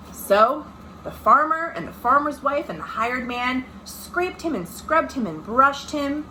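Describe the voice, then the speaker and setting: Speaking directly to young children, a woman who works as a children's librarian gives a dramatic storytime reading of a picture book. Her voice is a little high, pushed and bright, and the noisy amateur recording was made at home.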